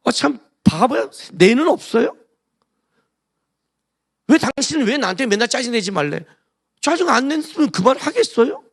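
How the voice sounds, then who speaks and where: Male pastor, gravelly high voice, lively sermon delivery with sudden loud bursts. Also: moderate pace, long pauses. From Korea. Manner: emphatic, swings between hushed asides and loud exclamations; talks directly to congregation with rhetorical questions.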